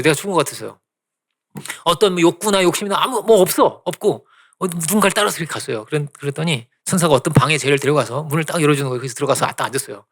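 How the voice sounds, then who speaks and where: A male pastor preaching a sermon, telling stories with lively asides to his congregation and closing in soft prayer. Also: fairly high pitch. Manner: animated storytelling with asides to the congregation.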